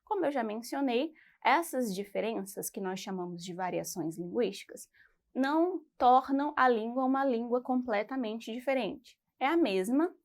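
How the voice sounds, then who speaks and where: Brazilian woman teacher, slightly high voice, patient explanatory lesson delivery. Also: animated, normal speed. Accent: Brazilian Portuguese. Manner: patient, explanatory, frequent "tá?" check-ins. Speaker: English teacher. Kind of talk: educational video lesson.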